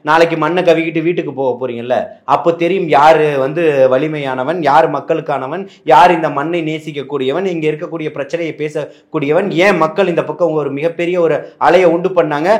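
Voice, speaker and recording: A man's voice: a little high, a little fast, echoey room. Combative, fiery political spokesman. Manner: combative, rhetorical questions, rising to impassioned shouting. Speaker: party spokesman. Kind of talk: heated political interview.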